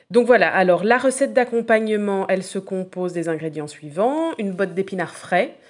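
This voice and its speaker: A chatty woman in a casual recipe podcast, her voice sitting low for a woman. She talks like a food blogger, with lots of little hesitations between thoughts. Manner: chatty, many hesitant fillers.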